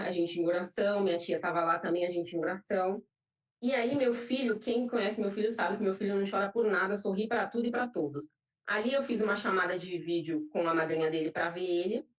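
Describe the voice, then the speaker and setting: A young woman with a Brazilian accent giving an emotional personal testimony in church, repeating phrases for emphasis. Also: medium pitch. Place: church hall. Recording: roomy, from a distant mic.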